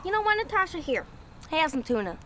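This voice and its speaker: A woman's voice: sits high, sing-song, brisk, sharp tone, slight background noise, exaggerated voice. A woman doing a brash hillbilly contestant. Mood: boastful. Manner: boastful, brash. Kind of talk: comedy sketch acting. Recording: music behind.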